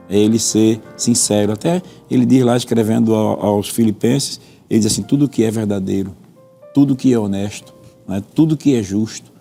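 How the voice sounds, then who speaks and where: A man's voice: medium pitch, vocal fry, dark tone, breathy edge. A Brazilian man, a pastor, teaching on a religious TV panel in an earnest, expository way, quoting scripture and repeating points for emphasis. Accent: Brazilian Portuguese.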